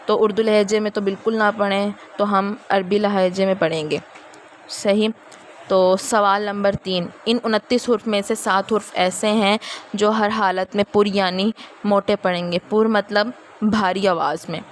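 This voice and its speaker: A woman with a Pakistani Urdu accent teaching a Quran recitation lesson, repeating points and drawing out each letter slowly. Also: mid-range voice, fairly even intonation, slight background noise. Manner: slow, drawn-out letter pronunciation and repetition.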